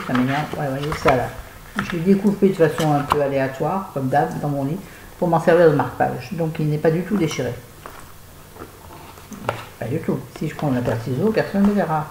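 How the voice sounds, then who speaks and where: Chatty home vlogger, a woman with a mellow voice, rambling book review in a roomy space. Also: deep voice, slight background noise. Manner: chatty, digressive, addresses viewers directly. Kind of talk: casual book review to camera. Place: at home with a fan nearby.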